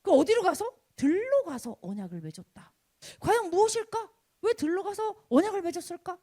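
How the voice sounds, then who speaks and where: Young woman preacher, high voice, swings all over, acts out the dialogue. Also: brisk. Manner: animated, acts out dialogue, rises to shouting. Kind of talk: youth sermon.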